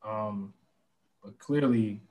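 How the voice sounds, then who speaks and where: A man's voice: fairly low pitch, very slow, mellow. Rambling male podcast host. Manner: rambling, stumbles and repeats words. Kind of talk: casual podcast chat.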